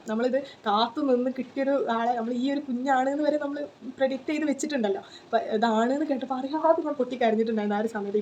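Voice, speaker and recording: A woman's voice: fairly high pitch, a little mellow, highs cut off, a little hiss or hum. A woman, telling a personal story in a casual vlog, chatty with lots of fillers and "you know" tags. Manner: chatty, tags sentences with 'you know', many fillers. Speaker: vlogger.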